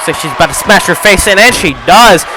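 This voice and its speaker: A man with a high voice calls a wrestling match move by move, often shouting over it. His voice is going hoarse. A loud crowd and game sounds fill the background. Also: lively intonation, background noise. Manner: fast play-by-play, often shouting. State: losing his voice. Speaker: play-by-play commentator. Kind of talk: video game wrestling commentary.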